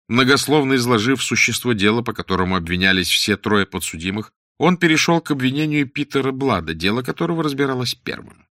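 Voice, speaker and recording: A man narrating a story aloud in a measured, expressive reading. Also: medium pitch, dry recording, clean studio sound. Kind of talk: scripted audiobook narration.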